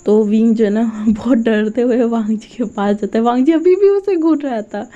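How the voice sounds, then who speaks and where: A woman retells a story in a chatty, casual way, her voice fairly high yet mellow. The recording is dull and lo-fi, with faint crickets behind. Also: normal speed. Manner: chatty, filler-heavy retelling.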